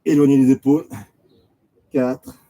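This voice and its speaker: A man teaching a pilates class, giving steady step-by-step commands, counting reps and repeating cues slowly. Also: mid-range voice, rough recording. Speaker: pilates instructor. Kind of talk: guided exercise class instruction. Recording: loud background noise.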